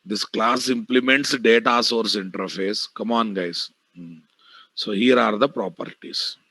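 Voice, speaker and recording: A man's voice: on the low side, measured pace, pushed and bright, breathy edge, no echo. A man with an Indian Telugu accent teaching a live online programming class, bluntly addressing students and repeating key phrases. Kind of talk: live online technical lecture.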